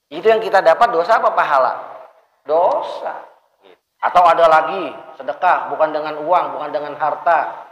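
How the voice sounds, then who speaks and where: A man with a high voice teaches children in a lively, playful religious lesson. He keeps asking questions and answering them himself. The sound is roomy, with the long echo of a big hall. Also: muffled recording. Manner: playful, asks questions and answers them, acts out rude and polite calls. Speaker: Quran teacher. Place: mosque hall. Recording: echoey hall.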